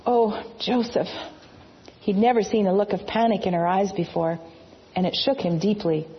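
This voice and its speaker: A woman narrating a storybook reading in a measured, reverent manner. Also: medium pitch, highs cut off, a little hiss or hum.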